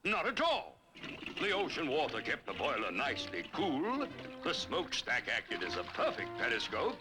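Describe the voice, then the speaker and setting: A man's voice: medium pitch, huge pitch swings, normal speed. A man voicing a pompous, boastful old cartoon commander, telling tall tales dramatically. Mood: smugly boastful. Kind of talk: cartoon storytelling. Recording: music behind, old cartoon soundtrack.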